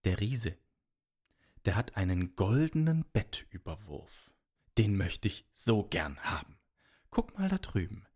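A cunning old farmer from a fairy tale, voiced by a male storyteller. He leans in close, speaking slowly and quietly to coax a bargain out of someone. His hushed voice still rises and falls a great deal. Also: fairly low pitch, sing-song, heavily acted. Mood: confiding. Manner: hushed, confiding, persuasive.

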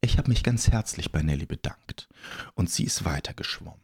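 A man's voice: sits low, brisk, gravelly, slightly rough. A man telling a children's story as a pirate captain in first person, theatrical, dropping to whispers and rising to calls. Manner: animated, theatrical, swinging between whispers and calls.

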